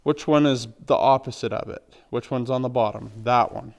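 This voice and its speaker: A man, a horse trainer, calmly explaining knots step by step in a plain, practical way. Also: mid-range voice, moderate pace, vocal fry. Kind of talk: instructional demonstration.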